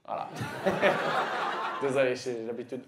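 A man in his thirties doing stand-up crowd work on a comedy club stage with a handheld mic, teasing an audience member with loud punchlines and quick asides. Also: medium pitch, expressive, echoey room, noisy background. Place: comedy club stage, dark curtain backdrop. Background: audience laughing.

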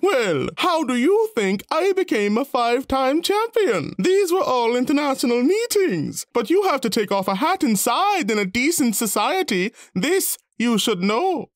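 A performer voicing a proud, boastful Brazil countryball in a cartoon, teasing with a lively, swooping delivery. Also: high voice, measured pace, hardly any pauses, no echo, studio quality. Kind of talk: cartoon voice acting.

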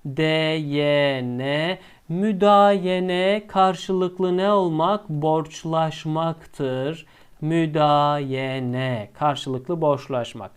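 A male teacher explaining a lesson step by step, asking himself questions and answering them, and drawing out the key words slowly. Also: fairly high pitch, clean tone.

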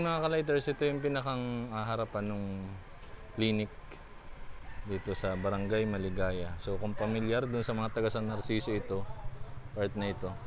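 Chatty man giving a walking tour. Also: fairly low pitch. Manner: chatty, with many fillers and pauses. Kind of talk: casual vlog tour narration. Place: small empty building, indoors and street. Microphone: phone camera held at arm's length.

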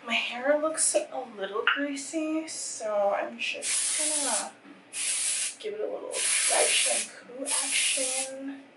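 In this casual vlog, a woman in her twenties from Singapore, a photographer, talks to her camera in a rambling way full of fillers, her voice sitting on the high side. There is background noise; she films in a car, a small office, then a room at home, using a camera-mounted mic held close or set on a tripod.

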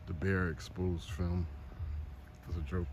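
A man's slow, low-pitched voice with little pitch movement carries his offhand, slangy, joking vlog ramble. This podcast host and photographer is outside by trolley tracks on a trestle, filming on a handheld phone at arm's length; the recording is noisy, with clear ambient noise.

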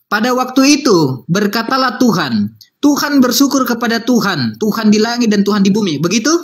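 A man's voice: high-pitched, very animated, normal speed. A man acting as a preacher in a heated religious debate, insisting and repeating his questions again and again.

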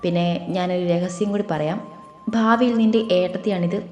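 A woman's voice: fairly low pitch, fairly even intonation, normal speed, a little mellow, lo-fi sound, faint music behind, lightly acted. A woman voicing a confident young man who teases his sister and speaks firmly to his mother. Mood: teasing. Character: confident young man, teasing older brother. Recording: echoey room.

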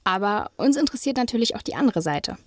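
A young woman co-hosting a student podcast, reading smooth scripted links between the interviews. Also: a little high, sing-song, fast, no room sound, studio quality. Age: young adult. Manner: smooth, read-from-script linking. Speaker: podcast co-host, journalism student.

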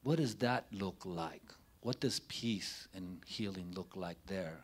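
A husky, low-sitting voice belongs to a middle-aged man on a community forum panel who recounts personal stories without a script. He talks haltingly and deliberately, pausing between short phrases, into a handheld microphone near his mouth, standing before a banner in an indoor forum room.

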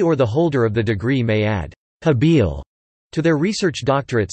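A man with a slightly husky voice reading scripted reference text aloud in a measured way, carefully spelling out abbreviations. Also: medium pitch, a little mellow, dry recording. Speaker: narrator of an audio encyclopedia article.

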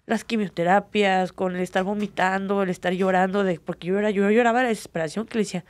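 A woman's voice: medium pitch, fairly even intonation, fast talker, no room sound. A young woman with a Mexican accent, an MMA fighter telling her story earnestly in an interview, with many fillers. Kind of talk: candid personal interview.

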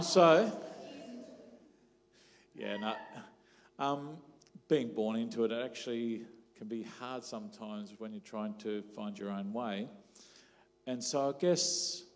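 Holding a handheld mic on a church stage in a big hall, a middle-aged Australian church leader with a lowish voice interviews a young congregant. His tone is conversational, peppered with "um" and "sort of".

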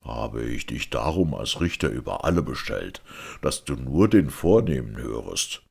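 A man voicing a stern, just caliph in a fairy-tale reading, speaking low and measured. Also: animated, gravelly, slightly rough, heavily acted. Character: stern, just male caliph, grave authority.

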